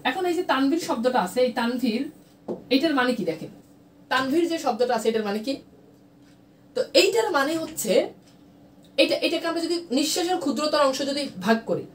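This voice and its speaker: A woman teaching a grammar lesson in a live online class, repeating each point and quizzing her students. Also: high voice. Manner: repetitive, drilling questions to students. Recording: echoey room, distant mic, faint noise.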